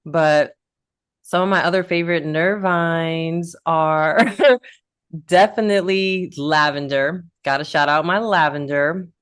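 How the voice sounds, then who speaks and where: A woman's voice: sits low, takes it slowly, smooth. A woman herbalist hosting a casual group chat, talking with folksy enthusiasm and calling everyone y'all. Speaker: herbalist host.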